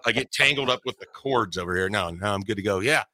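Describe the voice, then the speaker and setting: A man talking as a guest reporter on a sports radio show, breaking down football news in fast, detailed, casual talk from the studio. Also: fairly low pitch, crowd noise.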